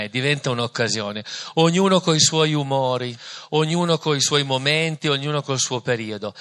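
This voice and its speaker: A man's voice: mid-range voice, pushed and bright. A man, a priest, giving a conversational sermon to a couple, reading scripture and asking rhetorical questions.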